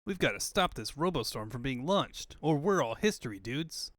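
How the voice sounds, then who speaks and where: A man's voice: mid-range voice, big pitch swings, moderate pace, a bit bright, no room sound, studio quality. A man voicing a cocky, brave young hedgehog hero with breezy slang in a comic book fandub. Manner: breezy surfer-style slang.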